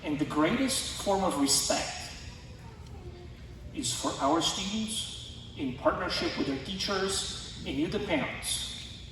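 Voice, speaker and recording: A man from Romania giving an earnest, measured formal speech at a school concert. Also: high voice, very animated, fairly bright tone, a little hiss or hum. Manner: measured, earnest, deliberate phrasing. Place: school auditorium. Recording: distant voice in a reverberant hall.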